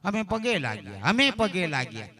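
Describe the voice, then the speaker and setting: A man preaching at a live devotional gathering. His voice is bright and forceful and sits a little high. He moves between loud exhortation and quiet asides, pressing the crowd with rhetorical questions. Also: sing-song, normal speed. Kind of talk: village sermon with stories.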